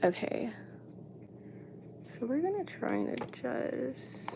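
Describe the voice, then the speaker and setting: A woman's voice: sits high, very animated, slow. A woman chatting casually as a nail technician giving a live tutorial. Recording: clearly noisy background.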